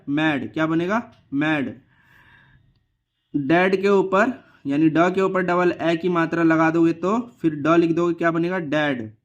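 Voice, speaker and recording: Patient man teaching phonics. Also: fairly high pitch. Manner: asks a question and answers it himself, repeating words slowly. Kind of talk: phonics lesson for beginners.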